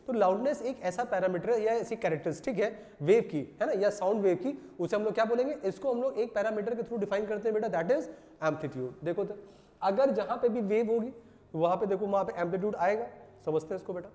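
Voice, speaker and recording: A male physics teacher lectures a class, asking rhetorical questions and then answering them himself. His voice is mellow and dark. It rings with a long reverb, as if in a large hall. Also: high voice, fast. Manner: asks rhetorical questions and repeats answers, calls students "beta".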